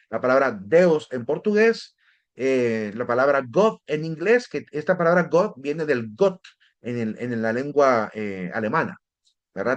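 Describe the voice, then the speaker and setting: A man with a mid-range voice lectures a theology class, explaining step by step and frequently checking in with listeners. He often asks "¿verdad?", repeats words, and restarts sentences, and the highs in the audio are cut off.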